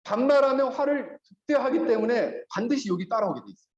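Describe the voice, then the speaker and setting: A man preaching a sermon as pastor, animated and acting out quoted speech. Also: very high voice, quick pace. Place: church sanctuary. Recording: echoey, slightly dull church recording.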